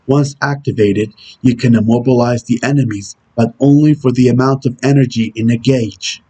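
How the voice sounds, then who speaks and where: A man voicing a stern, brooding video game antihero who gives terse tutorial instructions in a husky voice. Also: medium pitch, fairly even intonation, moderate pace, dark tone, lightly acted, rough recording. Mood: stern, instructional. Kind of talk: character impression reading game tutorial instructions.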